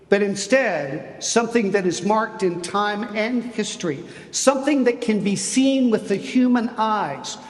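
A man preaching an Easter sermon as a bishop, deliberate and emphatic, with dramatic pauses. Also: high-pitched. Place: cathedral. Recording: long cathedral reverb.

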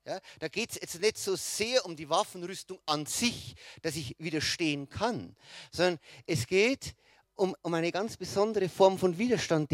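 A man's voice: sits high, dry recording. Guy giving a sermon, talks like a chat with his people, voice jumps up and down a lot. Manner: conversational, frequent "ja?" checks with listeners, restarts. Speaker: preacher.

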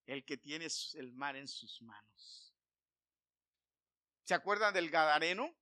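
A man preaching a sermon, emphatic and building to loud declarations. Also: a little high, expressive, takes it slowly, dry recording.

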